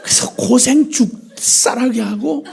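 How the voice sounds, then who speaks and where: An older man preaching at a church revival meeting, telling humorous stories and mimicking his mother's scolding with lively, joking energy. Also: very high voice, a little slow, creaky, husky. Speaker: missionary preacher. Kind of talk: humorous sermon storytelling.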